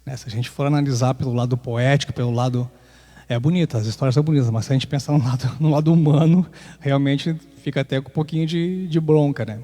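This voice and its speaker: A man's voice: medium pitch, fairly even intonation, fast talker, warm tone, long reverb tail. A man with a Brazilian Portuguese accent hosting a podcast, talking casually and reflectively, often restarting his sentences. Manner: hesitant, many restarts, reflective. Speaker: podcast host. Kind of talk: casual talk on Afro-Brazilian myths, with sung chant.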